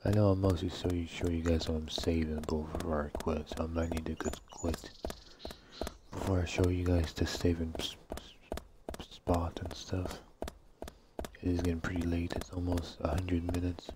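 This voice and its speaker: A deep-voiced man talks through a game in a loose, rambling way, swearing often and trailing off as he mutters to himself. A steady hiss of noise and scattered clicks sit under his voice throughout. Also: normal speed. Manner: frustrated ranting with frequent swearing. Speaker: let's play gamer. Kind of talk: casual gameplay commentary. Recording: clear background noise with clicks.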